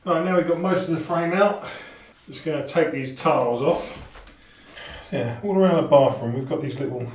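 A man's voice: on the high side, moderate pace, a little mellow. A middle-aged man chatting casually as he works, talking through a DIY job in a small tiled bathroom. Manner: chatty, practical, thinks aloud with fillers. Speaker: DIY vlogger. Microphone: action camera. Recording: echoey tiled room, faint noise.

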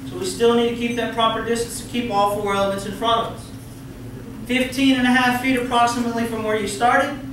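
A man's voice: extremely high pitch, flat delivery, fast, noisy background. Texan man lecturing in an echoey hall. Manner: coaching, asks the room questions, folksy jokes. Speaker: umpire clinic presenter. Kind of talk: training lecture to umpires. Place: large meeting room with projector screen. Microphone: far room camera, no mic seen. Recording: very echoey room from far off.

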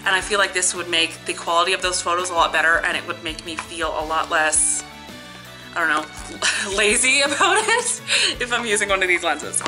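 Music plays under this young Canadian woman's fairly low, animated, brisk voice as she chats to camera in her living room in front of a lit Christmas tree. A beauty and family vlogger with a cold, she stays upbeat despite sniffling, saying "like" and "um" a lot. The camera is close in front of her.

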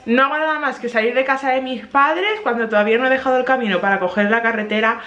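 Animated young Spanish mom, roomy echo. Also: female voice, on the high side, fast, lo-fi sound, noisy background. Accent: Spain Spanish. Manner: animated, laughing while telling an anecdote. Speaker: vlogger mother of two. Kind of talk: casual storytelling vlog.

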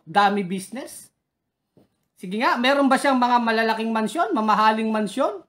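A woman giving combative political commentary, taunting critics and challenging them directly. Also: mid-range voice. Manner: taunting, heckles critics and reads their names.

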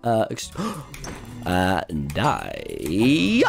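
A man livestreaming a game, chatting to his viewers in an animated, sweary, exclaiming way with music behind him. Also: fairly low pitch, very slow, gravelly. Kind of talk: excitable game stream chatter, talking to chat. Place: indoors at a computer.

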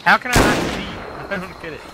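An animated man in casual voice chat, talking with teammates as he plays the medic in a shooter game. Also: high-pitched, fast talker. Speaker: player acting as squad medic in a shooter game. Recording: loud gunfire and artillery noise. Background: game gunfire and machine guns.

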